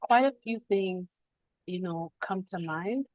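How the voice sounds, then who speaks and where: Over a video call, a woman with a fairly low voice hosts a spiritual podcast, speaking reflectively and without hurry and often laughing between thoughts. The recording is dry, close and muffled.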